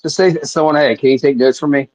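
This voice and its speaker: A man's voice: fairly high pitch, fairly even intonation, quick pace, a little mellow, poor audio. A man co-hosting a casual talk radio show, speaking in a blunt, dismissive way with crude language. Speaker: podcast co-host.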